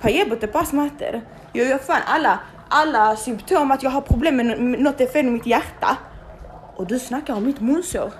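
A young woman telling a story in casual, animated speech, swearing freely and acting out the people she quotes. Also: sits high, slight background noise.

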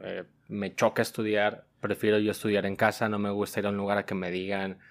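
A man's voice: on the low side, little pitch movement, fairly quick, vocal fry. A man, a podcast guest talking in an easygoing, casual way and laughing often. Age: 20s. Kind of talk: casual interview chat.

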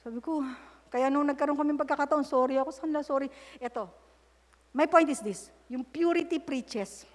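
High-voiced woman preaching in a reverberant hall. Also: brisk. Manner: candid storytelling mixing English and Tagalog, praying aloud mid-sentence. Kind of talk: sermon.

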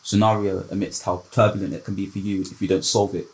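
A low-voiced man with a London roadman accent talks quickly in a casual group chat. He is earnest and wordy, winding through long reflective explanations in urban street slang. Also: little pitch movement, a little mellow, poor audio. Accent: London, urban multicultural street slang.

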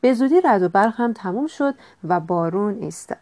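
A woman reading a children's storybook aloud with gentle, expressive narration. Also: medium pitch.

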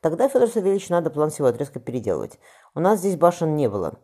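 A man's voice: on the high side, big pitch swings, quick pace, dark tone, breathy edge, pitched above the performer's own voice, exaggerated voice. A man voicing an earnest, capable young apprentice boy who speaks eagerly and respectfully.

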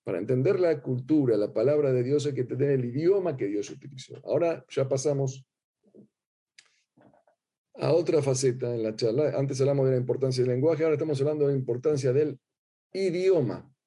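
A middle-aged rabbi with an Argentine accent gives a religious lecture in a sing-song, teacherly manner. His voice is very dark and somewhat husky. He often repeats a word or two while searching for the next phrase. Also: mid-range voice, brisk. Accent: Argentine Spanish.

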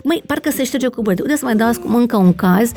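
Middle-aged woman guest, gravelly and mellow, chatty explainer who keeps checking that the listener follows. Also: a little high, animated. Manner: explains with many fillers and checking questions like "da?". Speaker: family constellations facilitator, guest. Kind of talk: conversational explanation in an interview.

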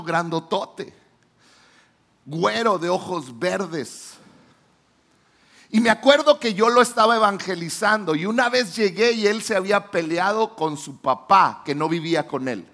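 A Mexican pastor in his forties delivers a sermon through dramatic storytelling, swinging from loud declarations down to hushed lows.

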